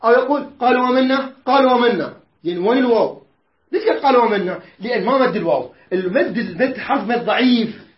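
A man teaches the rules of Quran recitation in a patient tajweed lesson. He keeps asking his students questions and slowly chants the verses he explains. The recording is dull and lo-fi, with a roomy echo. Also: high-pitched, lively intonation. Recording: echoey room, dull lo-fi sound.

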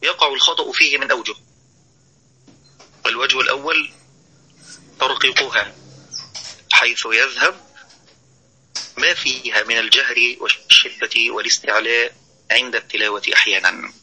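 Man teaching recitation in a sharp voice. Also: medium pitch, fairly even intonation, breathy edge, poor audio. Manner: deliberate, explains each point slowly and demonstrates sounds. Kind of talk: tajweed lesson.

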